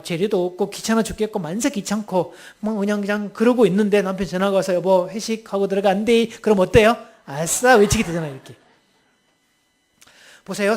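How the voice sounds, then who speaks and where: Guy preaching, pretty high voice, jokey and keeps quizzing the crowd. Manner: playful, quizzes the audience with questions. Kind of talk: humorous interactive sermon.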